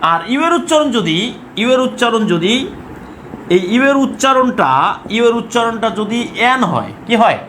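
A man's voice: extremely high pitch, big pitch swings, unhurried, a bit bright, a little hiss or hum. A man with a Bangladeshi accent teaching an English grammar class, asking questions and repeating words as he drills students.

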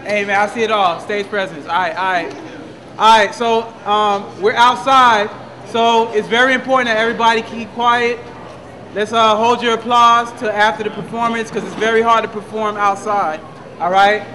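A young man emceeing a live competition outdoors, hyping teams and calling for quiet. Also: high-pitched, fairly even intonation, normal speed. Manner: hyped, calls for applause and quiet. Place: outdoor courtyard. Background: crowd noise.

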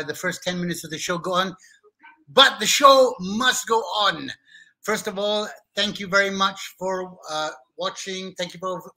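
A middle-aged man with a Malaysian accent hosts a casual live stream from home. His voice sits high and sounds bright and forceful. He chats playfully, sliding between English and Malay. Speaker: host of a live-streamed talk show.

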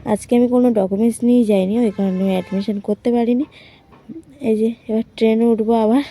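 A woman's voice: on the high side, fairly even intonation, brisk, warm tone. A young woman vlogging casually from home and a metro train, chatting to viewers and her son. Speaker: vlogger and mother. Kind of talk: casual vlog narration.

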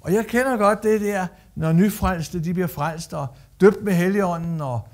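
A man preaching a sermon as a guest speaker, emphatic, repeating phrases and acting out quotes. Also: high-pitched.

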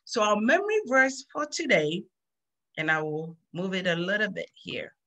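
A woman's voice: mid-range voice, very animated, moderate pace, fairly bright tone. A middle-aged woman hosting a children's Sunday school lesson over a video call, upbeat and repeating phrases for the kids.

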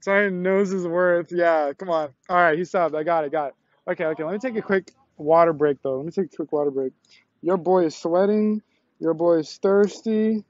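This young man's voice sits high and moves at normal speed as he chats casually on a live stream from a college campus, holding a selfie stick tripod outdoors. Sweaty and winded from push-ups, he's excitable, full of slang, laughing a lot and cursing. The recording is muffled but has no echo.

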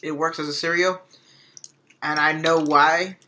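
A young man talks casually at home, rambling and circling back on his words. His voice is bright and forward. A light hiss sits under the recording. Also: fairly high pitch, fairly even intonation, a little slow. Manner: rambling, repeats words while thinking. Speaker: vlog co-host. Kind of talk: casual chat. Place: home kitchen.

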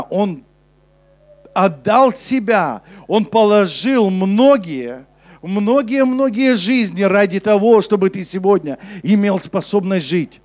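A young man preaching a sermon on a church stage with a handheld mic, switching between emphatic urgency and a soft, low delivery. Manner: preaching with rising intensity, then dropping soft and low for scripture. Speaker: pastor. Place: church stage before a congregation.

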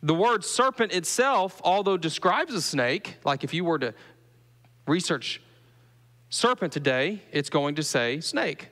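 Man, pastor, southern US accent, conversational sermon, slightly high voice, long church reverb. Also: expressive, a little slow, a bit bright. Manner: conversational, asks the congregation questions. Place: church sanctuary.

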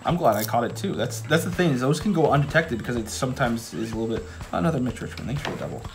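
A man's voice: medium pitch, lively intonation, very fast, a little hiss or hum. A man co-hosting a card-collecting show, chatting casually and naming cards as he flips them. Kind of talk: casual chat while opening packs.

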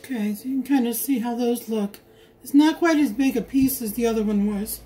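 A woman's voice: on the high side, brisk, warm tone, a little hiss or hum. A woman talking viewers through her home cooking in a homey, chatty way, recorded on a phone in her kitchen. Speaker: home cook vlogger. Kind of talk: casual cook-along narration. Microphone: phone camera held while cooking.

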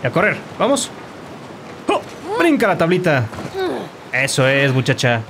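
A man commentating his own gameplay, animated and quick to shout insults at enemies. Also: mid-range voice, noisy background. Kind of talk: let's play commentary.

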